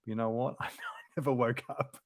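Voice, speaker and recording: Male Bible teacher, mid-pitched, conversational and explanatory, close dry sound. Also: steady tone, normal speed, dry recording. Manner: informal, explanatory, thinks aloud. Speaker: Bible lesson presenter.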